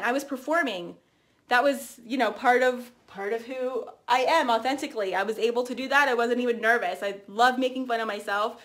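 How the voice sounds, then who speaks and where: A woman in her thirties giving a casual, chatty training talk to camera, energetic and full of fillers and restarts. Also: on the high side. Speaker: team trainer.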